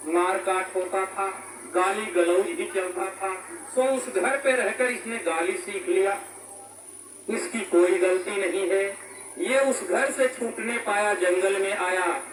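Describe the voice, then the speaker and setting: A preacher voicing a wise, gentle male parrot raised among saints, pleading for his brother, recorded from a distance in an echoey hall. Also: high voice. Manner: pleading, then patiently explaining. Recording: echoey hall, distant mic, background noise.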